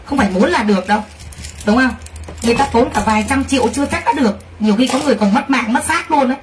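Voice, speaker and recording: A high-voiced, fast-talking woman sells clothing on a livestream, gushing and speaking directly to her audience. The audio is poor, with a distant mic and faint background noise.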